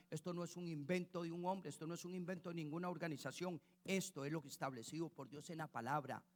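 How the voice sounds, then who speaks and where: Man preaching in a reverberant church. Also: fairly high pitch. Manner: preaching with repetition and rhetorical questions to the congregation. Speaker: pastor. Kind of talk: sermon. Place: church hall.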